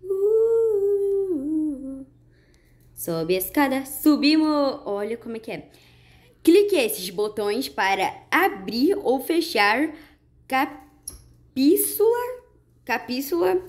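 Excited brazilian woman narrating gameplay. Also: on the high side, takes it slowly. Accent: Brazilian Portuguese. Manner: chatty, excited, talks to viewers. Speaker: gaming YouTuber. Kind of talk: casual gameplay commentary.

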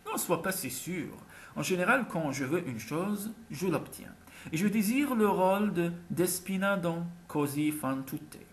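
A woman's voice: fairly low pitch, lively intonation, unhurried. A man reading an audiobook, voicing a confident, teasing young woman singer who is set on getting what she wants. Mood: determined. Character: self-assured ambitious young woman singer. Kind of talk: audiobook character voice.

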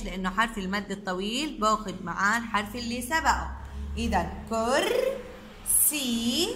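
A woman's voice: medium pitch, bright, forceful tone, a little hiss or hum. A woman teacher, sounding words out syllable by syllable for young children and praising them often. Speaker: kindergarten teacher. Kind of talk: online phonics lesson for young children.

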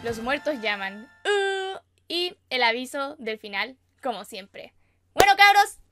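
Young chilean girl reacting to anime, high squeaky voice, gets loud and excited, show music playing behind her. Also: slow. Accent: Chilean Spanish. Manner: excitable, gasps, squeals and chatters to viewers. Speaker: anime reaction channel host. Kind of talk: casual reaction commentary. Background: anime episode audio and music.

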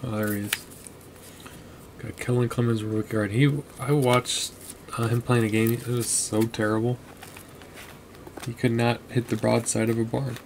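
A man's voice: mid-range voice, flat delivery, moderate pace, long pauses, noisy background. A man casually narrating while he sorts through a box of collectibles at his desk, chatty and muttering as he goes. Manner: chatty, muttering names as he flips through cards. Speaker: card collector vlogger. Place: desk at home, indoors.

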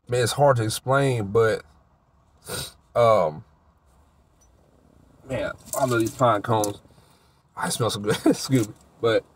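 Teary man giving halting testimony. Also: lowish voice, no echo. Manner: halting, rambling, searching for words. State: teary, voice slightly mushy. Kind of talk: emotional spoken testimony to camera. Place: outdoors, park by the roadside.

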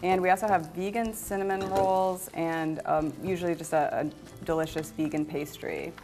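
A woman's voice: on the low side, level tone, moderate pace, darkish tone, soft background music. A middle-aged woman, a restaurant owner, explaining a menu on a TV cooking segment with a hesitant, earnest manner. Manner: hesitant, lots of ums, earnest. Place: indoor TV studio kitchen set.

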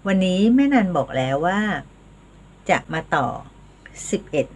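An older woman teaching a language lesson, patiently leading slow counting drills. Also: fairly low pitch, very animated. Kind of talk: home video language lesson.

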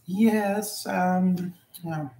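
With a warm, fairly low voice, a woman who vlogs and sings karaoke talks loosely while lying down at home, chuckling frequently as she wanders between topics. The home recording sounds roomy, with faint ambience.

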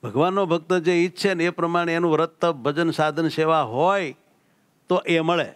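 A man's voice: on the high side, fairly even intonation, moderate pace, clear, resonant tone, no room sound. A man with a Gujarati accent, a swami giving a scripture discourse to a temple assembly, preaching emphatically and repeating key phrases. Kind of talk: sermon.

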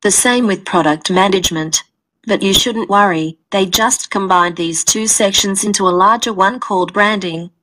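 A woman's voice: mid-range voice, moderate pace, fairly bright tone, natural voice, low-quality recording. A woman playing an agreeable college student in a scripted exam dialogue. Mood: agreeable, informative.

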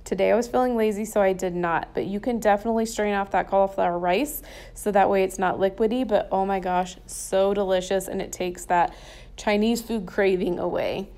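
A woman's voice: mid-range voice, steady tone, fairly quick, a little mellow. A woman narrating her home cooking in a chatty, enthusiastic, folksy way over a recorded voice-over. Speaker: cooking vlogger. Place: home kitchen.

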